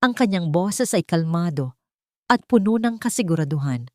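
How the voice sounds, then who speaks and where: A woman with a low, darkish voice reads a scripted romantic drama expressively, her measured, dramatic narration coming in brief phrases. The sound is close-miked and dry, free of any room.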